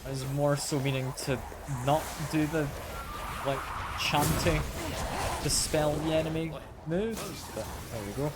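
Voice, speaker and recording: A man's voice: on the high side, measured pace. Man muttering through gameplay, noisy background. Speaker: video game streamer narrating own play. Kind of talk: casual gameplay commentary.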